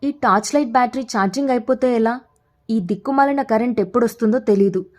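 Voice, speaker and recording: A woman voicing a cheeky, sharp-tongued young woman who fears the dark in a read-aloud story. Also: a little high, fast talker, close to an everyday voice. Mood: teasing.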